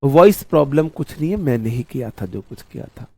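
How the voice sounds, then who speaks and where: A man teaching English grammar in an online class, animated, swinging between loud mock shouting and quiet asides, repeating key words slowly. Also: medium pitch, slightly rough, no echo.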